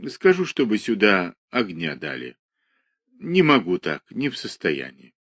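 A man's voice: fairly low pitch, huge pitch swings, a little slow, a bit bright, slightly rough, exaggerated voice. A man voicing a timid middle-aged male doctor who pleads in a trembling voice in an audiobook reading. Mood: weary.

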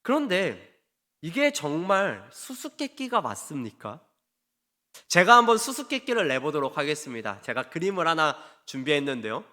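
A high, bright-toned male pastor preaches in a sanctuary with a long, ringing reverb. His delivery is animated and chatty, and his pitch swings widely as he acts out quoted lines and puts questions to the congregation. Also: normal speed. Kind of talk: Wednesday evening sermon with audience quiz. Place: church sanctuary. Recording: long church hall reverb.

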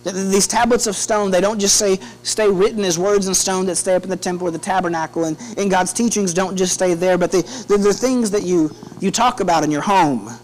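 Brisk and high-pitched with few pauses, a man in his thirties preaches earnestly and conversationally from a church pulpit, repeatedly restarting phrases. The rough recording has a steady electrical hum behind him.

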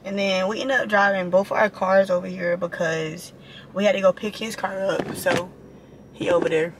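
Her voice is mid-range and steady, moving at an ordinary speed as this twenty-something vlogger chats informally with viewers. The setting shifts between a parked car and a room at home. Recorded on a camera held at arm's length or set up nearby, the sound has noticeable background noise.

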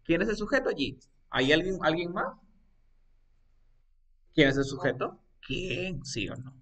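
A man's voice: on the high side, animated, unhurried, a bit bright, distant mic, dull audio. A man teaching an English grammar lesson, coaxing his students step by step with repeated questions. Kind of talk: live online grammar lesson.

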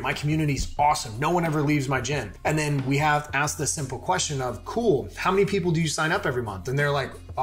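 A man in his thirties explaining business math to camera as a coach, in an energetic, persuasive sales-coach manner. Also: a little high. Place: small indoor room with tiled wall.

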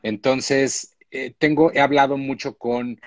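A man's voice: medium pitch, fairly even intonation, slow pace, no room sound, dull audio. A man, speaking as a showrunner guest in a casual live-stream interview, thoughtful and full of restarts. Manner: thoughtful, reflective, with frequent restarts. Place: indoor room at home. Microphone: phone or laptop on a video call.

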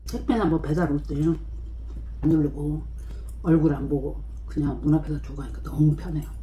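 A woman with a low, mellow voice talks through mouthfuls, chewing as she chats about her food and her home. Her delivery is plain and matter-of-fact. Faint noise and the clink of cutlery sit under her voice. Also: steady tone, moderate pace, rough recording. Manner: plain, matter-of-fact remarks between bites. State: chewing while talking. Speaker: mukbang creator. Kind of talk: casual eating-show chat.

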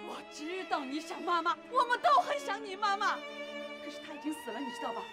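Actress playing a shrill scolding aunt, very high voice, swooping pitch, nagging, loud music underneath. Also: female voice, big pitch swings, fast. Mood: cruel. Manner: sharp, nagging, shouting. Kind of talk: TV drama acting.

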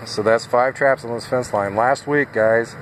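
A man with a mid-range voice and measured pace, a nuisance wildlife trapper, casually shows viewers his trap sets on a farm field by a fence line, talking to them directly in a plain-spoken, folksy way. It's an outdoor walkthrough video shot on a handheld phone, with steady background noise.

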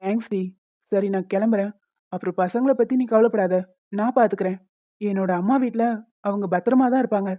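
A woman voicing a young cartoon husband who bickers and protests loudly. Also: medium pitch, fairly quick, long pauses, dry recording, lightly acted. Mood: subdued. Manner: loud protesting outbursts. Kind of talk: Tamil cartoon dubbing. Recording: tinny phone-like, dry.

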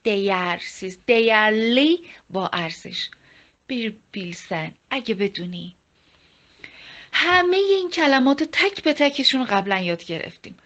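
A woman teaching the words of a song, reading each line slowly and then explaining it quickly. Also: a little high, fairly bright tone. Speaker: language teacher. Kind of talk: Turkish song lesson explained in Persian. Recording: dull lo-fi sound.

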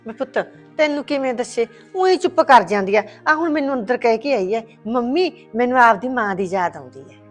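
An actress playing a bossy, sharp-tongued middle-aged mother-in-law in a short film drama, talking in a scolding, two-faced way. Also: a little high, expressive, a little fast, few pauses, faint music behind. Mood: pleading, plaintive.

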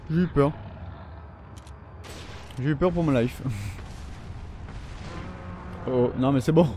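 A young man with a fairly high voice gives let's play commentary. He swears freely and taunts his enemies as he plays. Faint game gunfire sits under his voice. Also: mellow, a little hiss or hum. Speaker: gaming video host.

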